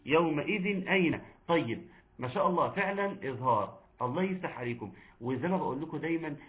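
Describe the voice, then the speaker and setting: Egyptian man, Quran recitation teacher, chatty, quizzes the class, fairly high voice, thin phone-like sound. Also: lively intonation. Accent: Egyptian Arabic. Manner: chatty, asks the class questions, chants verses slowly. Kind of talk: online recitation lesson. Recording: tinny phone-like line.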